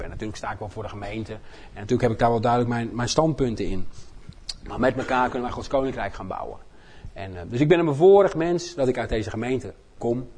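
A man with a Dutch accent from the Netherlands preaches informally to a congregation in a folksy, joking, animated way, often repeating words as he goes. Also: medium pitch. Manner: folksy, joking, self-deprecating. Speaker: missionary speaker preaching at his home church.

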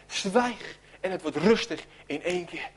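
A man with a strikingly high voice preaching a sermon. He tells the story vividly and acts out its voices, swinging from loud bursts to near whispers. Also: normal speed.

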